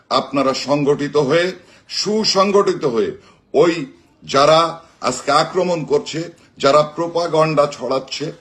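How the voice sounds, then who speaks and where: A man with a Bangladeshi accent delivers a rousing political address to supporters, emphatic and declamatory, in short measured phrases. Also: on the high side, a bit bright. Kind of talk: rousing political speech, live broadcast address.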